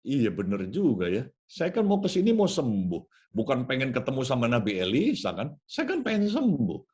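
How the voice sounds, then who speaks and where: A man's voice: mid-range voice, wildly swooping pitch, normal speed, darkish tone. A man voicing a proud, offended army general who complains in a raised, indignant voice. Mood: sheepish.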